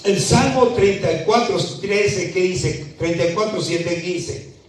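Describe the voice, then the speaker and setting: A man with a high voice preaches a sermon and leans hard into the scripture he retells, often building up to a shout. He sounds some way from the mic, and the church around him rings with a heavy echo. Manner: rises to shouting when retelling scripture, slow emphatic reading. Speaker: pastor. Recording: echoey church hall, mic at a distance.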